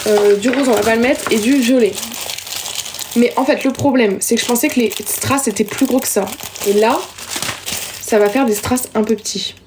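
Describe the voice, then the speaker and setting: A woman's voice: on the high side, normal speed, noisy background. A young woman chatting casually with viewers during a live stream, self-mocking and talkative, recorded on a phone at home. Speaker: livestreamer.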